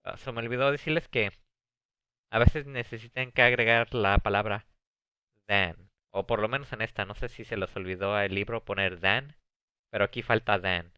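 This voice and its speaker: A man teaching an ESL video lesson, reading English example sentences slowly and explaining them in Spanish. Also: lowish voice, sharp tone, clean tone, dry recording. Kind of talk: recorded video lesson on comparative adjectives. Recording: dull, dry lo-fi sound.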